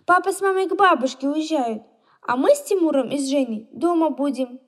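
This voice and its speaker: A woman voicing an emotional, quick-tempered little girl in a children's storybook reading. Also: high-pitched, lively intonation. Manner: emotional, exclaiming, tearful.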